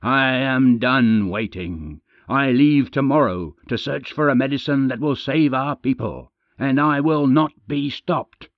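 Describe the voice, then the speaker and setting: A man's voice: a little slow, hardly any pauses, no echo, muffled recording, natural voice. A man doing a snarling, furious warrior. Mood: vehement. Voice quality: deep, snarling. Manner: loud, impassioned, rising to shouts.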